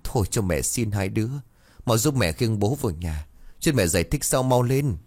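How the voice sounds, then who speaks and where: A man's voice: on the low side, animated, normal speed, a little mellow. A man voicing a long-suffering middle-aged mother who pleads and scolds in a storybook reading. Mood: pleading.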